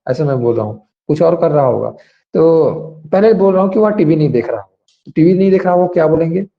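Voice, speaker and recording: A man teaching grammar in an online class, explaining slowly and asking students to raise their hands. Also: fairly high pitch, creaky. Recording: dull lo-fi sound.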